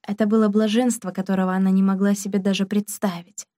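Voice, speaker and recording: Female audiobook narrator, calm even reading, mellow dry sound. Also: mid-range voice, quick pace, no echo. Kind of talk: scripted narration.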